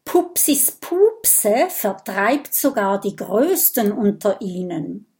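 A woman's voice: mid-range voice, very animated, takes it slowly, darkish tone. A woman doing a sensible young porcupine girl. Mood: matter-of-fact. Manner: polite, matter-of-fact.

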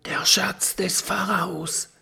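A man voicing a curious young male hero in a children's storybook, speaking in a hushed, breathy whisper. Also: fairly high pitch, unhurried, voice pushed up. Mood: excited whisper.

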